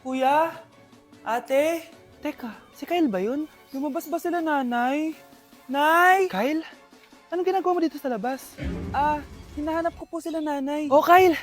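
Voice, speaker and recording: A woman's voice: high-pitched, normal speed, pauses often, faint music behind. A woman performing short comedy skits, switching between characters as she voices every part herself. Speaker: sketch performer voicing all parts.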